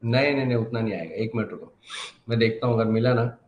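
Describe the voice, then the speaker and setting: A man's voice: medium pitch, quick pace, roomy sound, dull audio. A man, a car diagnostics trainer answering questions in a live online class with confident, reassuring instruction.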